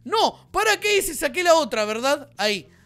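Gaming host: woman, Rioplatense Argentine accent, high and very animated, bubbly and shrieky. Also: normal speed, soft background music. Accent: Rioplatense Argentine Spanish. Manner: bubbly, excitable, shrieks and laughs often. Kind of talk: excited gameplay commentary.

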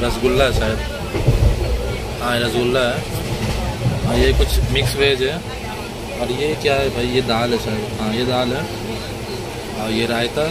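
Young man vlogging on a noisy train. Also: mid-range voice. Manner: chatty, talks straight to camera, addresses viewers as friends. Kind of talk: casual travel vlog narration. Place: inside a moving train, later outdoors on a station platform. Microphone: phone camera held at arm's length. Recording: loud train and outdoor noise behind.

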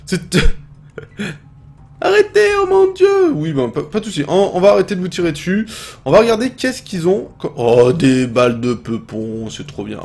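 Excitable French gamer, lively swings. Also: male voice, a little high, moderate pace. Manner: excitable, swears often, shouts and laughs at the game. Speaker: gaming video host. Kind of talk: casual gameplay commentary.

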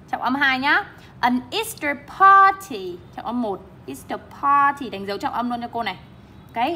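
Bright-voiced woman English teacher. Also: sits high, a little hiss or hum. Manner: emphatic, stresses syllables while modeling words. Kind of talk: bilingual classroom explanation.

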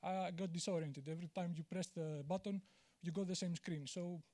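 A Greek man's high, warm, steady voice carries through a large auditorium as he gives a conference talk at normal speed on a handheld mic. His delivery is candid and self-deprecating, full of fillers and restarts.

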